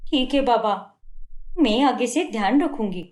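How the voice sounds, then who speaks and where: A woman's voice: on the high side, lively intonation, a little slow, echoey room. A young woman voicing a patient, hurt but dutiful wife in a cartoon, pleading and defensive. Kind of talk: Hindi cartoon dubbing.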